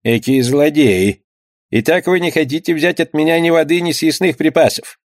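A man's voice: fairly high pitch, moderate pace, dry recording, studio quality, pitched above the performer's own voice, lightly acted. A man voicing a stubborn, impatient old male ship's skipper in a read-aloud story. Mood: indignant. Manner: indignant, impatient.

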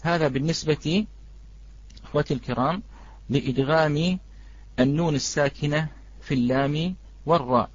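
Man teaching recitation, slow recited examples. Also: fairly high pitch, no echo, muffled recording. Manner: addresses students warmly, answers chat greetings, recites examples slowly. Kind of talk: live online tajweed lesson.

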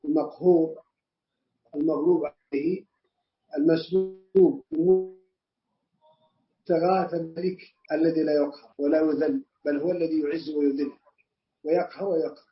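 Male lecturer, brisk and emphatic; fairly high voice, dull recording. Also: steady tone. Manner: quick, emphatic, joking with students. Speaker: sheikh teaching a book. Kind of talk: classroom explanation of a text.

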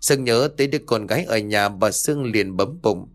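A man's voice: on the low side, a little fast. Man narrating a serialized audiobook story. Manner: reads every character himself, shifting tone for each. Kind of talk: scripted story narration with voiced dialogue.

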